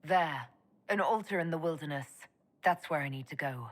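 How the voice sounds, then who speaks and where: A woman playing a stern, sharp elf mage commander in a video game, speaking in a curt, firm manner with some huskiness. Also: low voice, normal speed. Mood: cold, resolute. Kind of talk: dramatic video game dialogue.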